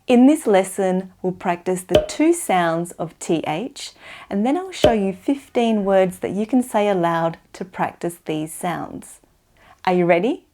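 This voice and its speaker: An Australian woman giving an instructional pronunciation lesson, enunciating slowly and carefully for language learners. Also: mid-range voice, expressive, mellow, a little hiss or hum. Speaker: English pronunciation teacher.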